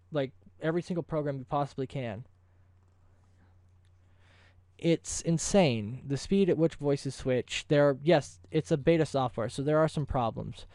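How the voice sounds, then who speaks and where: A video host with a mellow, clear, resonant medium-pitched voice talks casually and off the cuff, rambling in an effusive promotional vlog style. There is no echo.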